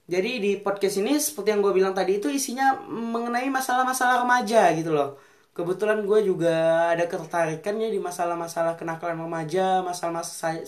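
Young man with a slurred r. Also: high voice. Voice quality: slurred r, cannot roll it. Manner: rambling, thinking aloud. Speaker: podcast host. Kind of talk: unscripted casual solo chat.

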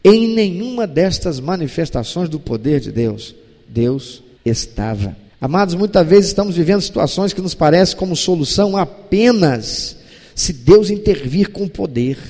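High-pitched guy preaching a sermon in church, super dramatic, acts stuff out, lots of echo. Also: normal speed. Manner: dramatic, animated, acts out scenes. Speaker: pastor.

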